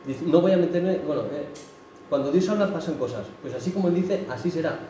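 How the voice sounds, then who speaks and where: A man's voice: on the high side, animated, a little fast, warm tone, slight background noise. A man preaching a sermon with impassioned, emphatic delivery. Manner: impassioned, rising to emphatic bursts. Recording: echoey hall, mic from a distance.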